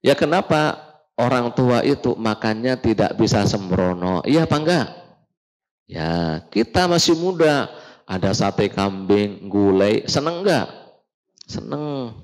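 A man teaching a religious study session to a live audience, lively and joking, often asking the room questions. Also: on the low side, measured pace, rough recording. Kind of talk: casual Islamic study talk.

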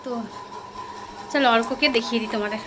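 A young woman with a high voice narrates her day at home in a chatty tone, talking straight to her viewers. She often slips into cooing baby talk with her son. Clear household noise runs behind her phone recording. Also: fast talker. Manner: chatty, addresses viewers directly. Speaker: vlogger. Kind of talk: casual daily-life vlog narration. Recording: noisy home ambience.

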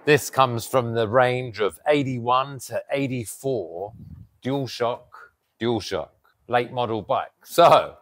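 Man, thirties, animated show-and-tell, gestures as he explains, outdoors, lapel mic. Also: mid-range voice, slow, slight background noise. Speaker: custom motorcycle builder. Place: outdoors by a garage door.

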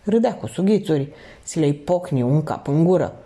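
A woman narrates a novel aloud in a low, mellow voice. Her reading is measured, leaning into tense moments with dramatic emphasis. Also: lively intonation. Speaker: audiobook narrator. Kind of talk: live audiobook reading.

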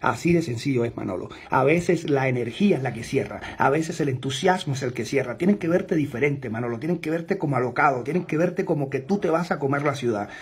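A man's voice: mid-range voice, animated, a little fast, few pauses, slightly rough. A man coaching his sales team in an intense, emphatic, repetitive motivational talk. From outside Mexico.

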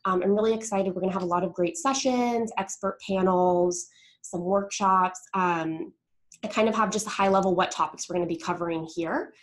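Over an indoor video call, a developer marketing presenter hosts an online community meetup in a casual, upbeat way. Her voice sits at medium pitch and she keeps a moderate pace.

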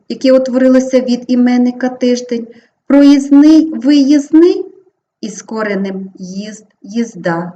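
A Ukrainian woman teacher giving an exam-prep grammar lesson, clearly and slowly drawing out each example word. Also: medium pitch, dark tone. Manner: clear, deliberate, drawn-out spelling of example words. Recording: slightly dull lo-fi audio with faint background hiss.

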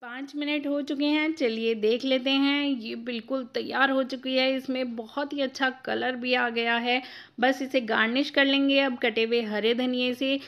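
Female cooking host, fairly high and crisp, instructive recipe voice-over. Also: steady tone, normal speed, muffled recording. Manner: clear step-by-step instructive.

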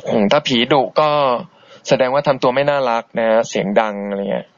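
A man's voice: expressive, a little fast, dry recording. Chill guy hosting web radio, polite and chatty, dry close mic, kinda muffled boxy stream sound. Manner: easygoing and polite, chatty, soft-spoken asides. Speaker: internet radio host. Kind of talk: casual radio chat reading listener messages. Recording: dull, boxy low-bitrate internet radio stream.

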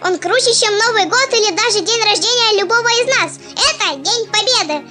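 A performer voicing a cocky, playful young husky puppy as a cartoon dog narrating a vlog, in a pitched-up voice. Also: fairly quick. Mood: proud, earnest. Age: puppy under a year. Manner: cartoon dog voice, boastful, cutesy slang. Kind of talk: scripted vlog narration in character. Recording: music playing behind the voice.

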